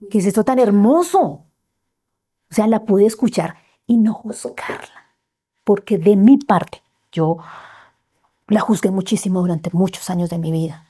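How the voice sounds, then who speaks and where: Warm-voiced woman telling her story. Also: fairly low pitch, husky. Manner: heartfelt, drifting into soft near-whispers. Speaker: guest. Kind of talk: personal storytelling in a podcast interview.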